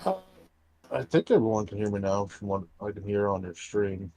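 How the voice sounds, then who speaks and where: A man's voice: fairly low pitch, normal speed, a crowd in the background. Man with hollow fishbowl-like chat audio. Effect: hollow, muffled fishbowl-like voice chat audio. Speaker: sim racing driver. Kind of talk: casual chat over voice call.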